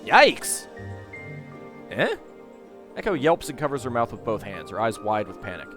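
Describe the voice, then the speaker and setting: A man's voice: fairly low pitch, lively intonation, quick pace. A man hosting a let's play, reading game text aloud and adding casual commentary. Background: game music.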